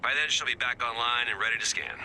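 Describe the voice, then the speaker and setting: In this video game role, a man plays a wisecracking, wry field agent casually leading the mission. He talks fast with lively intonation in a bright, forceful mid-range voice, and the audio is poor, game sound with background noise.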